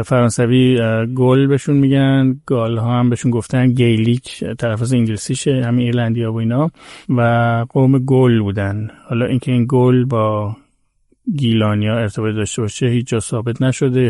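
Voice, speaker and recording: This medium-pitched, warm male voice comes through in studio quality with no echo. He's a guest expert on old Persian epic in a podcast conversation, answering questions in a measured, explanatory way and hedging his claims carefully.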